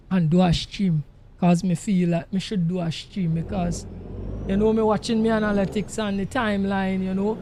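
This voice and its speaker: A gravelly-voiced man with a Jamaican accent chats casually with livestream viewers while driving in a truck simulator, speaking emphatically and repetitively. Truck engine sounds from the game rumble through the noisy recording.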